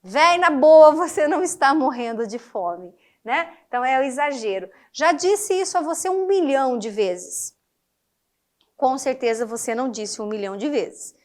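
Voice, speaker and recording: High-voiced Brazilian woman teaching a class. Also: moderate pace. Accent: Brazilian Portuguese. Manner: lively, emphatic, checks in with listeners often. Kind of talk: classroom lecture on figures of speech.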